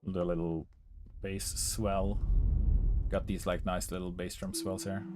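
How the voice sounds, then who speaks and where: A man's voice: deep voice, flat delivery, measured pace. A young man from Norway with a Norwegian accent, chatting casually to himself while composing music, musing and chuckling. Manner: musing, chuckling self-talk.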